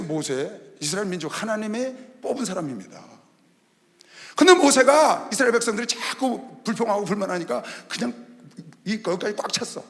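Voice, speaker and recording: A man preaching a Sunday sermon as pastor, animated, voicing God and Moses in lower tones. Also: creaky. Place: large indoor arena hall. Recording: long reverb of a large arena hall.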